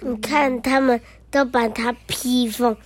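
A listener chatting with the reader about the pictures in the book. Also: female voice, a little high, fairly even intonation, a little slow, a little hiss or hum. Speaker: child listener.

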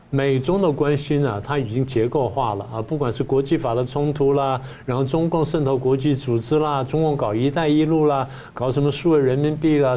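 An older man speaks quickly as a professor guest on a political talk show. His voice is dark and mellow, and he argues by playing out each side's lines himself. He keeps an animated, rapid rhythm throughout. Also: mid-range voice, slight background noise. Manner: animated, acts out both sides in the first person.

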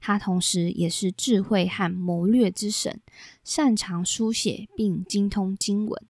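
A woman hosting a podcast, steadily retelling old myths in a measured storytelling way. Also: mid-range voice, fairly even intonation, a little mellow, no echo. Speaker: podcast host.

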